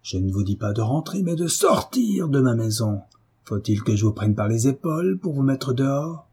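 A man's voice: mid-range voice, moderate pace, warm tone, breathy edge, close to an everyday voice. A man reading a novel aloud and voicing a drunken, hulking husband who bullies and threatens his wife. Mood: enraged. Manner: bullying, blustering threats. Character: brutish drunken giant of a husband, furious.

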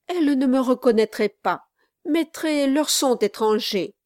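An agitated gentleman hunting for a lost child, as a woman reader puts him on, pushing his words out loud and urgent in a slow, measured delivery. The audiobook voice sits fairly high and close, with a dry, dead recording. He pleads and demands in turn. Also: lively intonation, no echo. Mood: earnest pleading. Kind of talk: audiobook character reading.

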